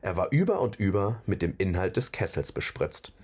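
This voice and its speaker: A man with a fairly low voice reading a fantasy novel aloud. His narration is expressive, rising and falling a lot as he tells the story. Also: normal speed, slightly rough. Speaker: audiobook reader.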